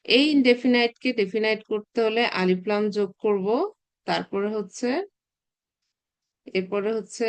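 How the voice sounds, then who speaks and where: A woman, teaching a recorded Arabic grammar class and explaining patiently, often pausing on filler words as she thinks. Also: mid-range voice, steady tone, clear, resonant tone. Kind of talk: recorded online class lecture.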